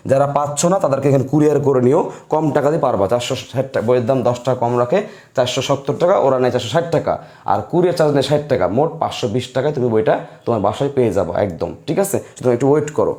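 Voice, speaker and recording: A man's voice: mid-range voice, mellow. A man teaching an online grammar lesson, repeating each point and quizzing his students.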